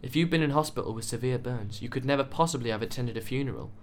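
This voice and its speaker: Man reading as a tranquil, measured researcher. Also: medium pitch, a little hiss or hum, close to an everyday voice. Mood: calm. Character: calm, professional male researcher.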